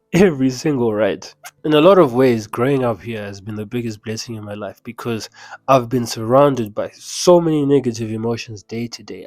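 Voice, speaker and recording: This mid-range, slightly mellow voice belongs to a young Zimbabwean-accented man, captured in a dry recording. He's a mindset coach talking casually to camera, motivational and emphatic, with plenty of conversational tangents.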